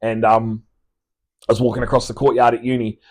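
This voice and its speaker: A man's voice: medium pitch, level tone, a little fast, a little mellow. Guy in his 30s, aussie-kiwi accent all mixed up, rambly, keeps restarting, swears casually. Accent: mixed Australian and New Zealand. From Australia. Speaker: podcast guest. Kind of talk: casual chat.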